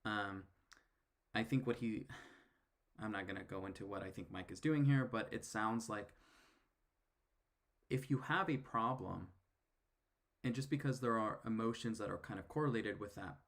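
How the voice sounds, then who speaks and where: Low-voiced man giving hesitant commentary. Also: normal speed, pauses often, a bit bright. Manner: hesitant, many fillers and restarts. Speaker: video commentator. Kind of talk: casual spoken commentary.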